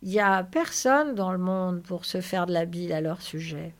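A woman reading aloud and voicing a weary, protective working man who speaks in a flat, strained way. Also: fairly low pitch, moderate pace, close to an everyday voice.

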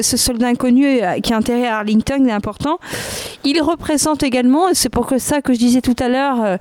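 A woman with a fairly high voice moderates a talk. She adds long, elaborate commentary and pauses on frequent fillers. Her tone is formal and measured. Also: a little mellow. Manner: elaborate and wordy, with many fillers.

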